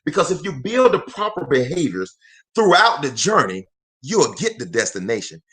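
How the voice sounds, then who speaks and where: Moving at a moderate pace with big pitch swings, this man in his 40s hosts a passionate live motivational session. His slightly high, fairly bright voice takes on a preacher's rhythm as he repeats lines for emphasis and addresses viewers directly.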